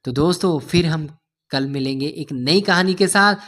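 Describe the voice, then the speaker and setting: A man's voice: on the high side, normal speed, fairly bright tone. A man narrating an emotional cartoon story in a heartfelt way, often addressing listeners as friends.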